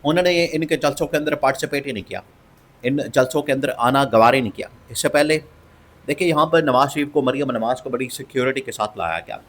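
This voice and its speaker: Scornful political commentator. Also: male voice, medium pitch, fast talker, fairly bright tone. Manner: emphatic, scornful, repeats phrases for stress.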